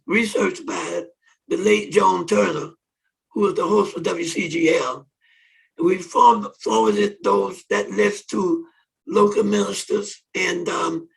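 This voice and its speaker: A hoarse man hosting a conference on online radio, talking haltingly with many pauses and restarts. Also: high-pitched, fairly bright tone, distant mic, low-quality recording. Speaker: conference host. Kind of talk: opening remarks on online radio. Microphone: phone or conference call.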